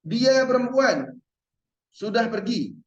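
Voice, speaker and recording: A male teacher in an online Arabic lesson, patiently drilling verb forms and repeating each word slowly. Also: very high-pitched, animated. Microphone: video call. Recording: roomy and dull-sounding.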